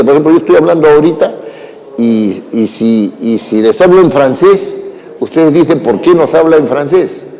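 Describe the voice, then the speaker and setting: A male lecturer addresses a class in an unhurried, explanatory manner, checking in with his listeners as he goes. His voice is dark and mellow, and a long reverb trails each phrase as if the room were a large hall. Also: mid-range voice. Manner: unhurried, explanatory, with frequent "¿no?" tags and fillers.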